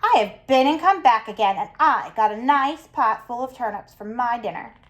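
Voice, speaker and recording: A woman's voice: on the high side, lively intonation, moderate pace, lightly acted. A woman voicing a small, clever young male pig in a read-aloud storybook, polite and earnest. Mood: plucky.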